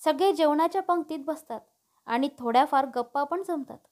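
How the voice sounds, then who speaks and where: A woman narrating a family story in a steady, expressive reading. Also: high-pitched, brisk.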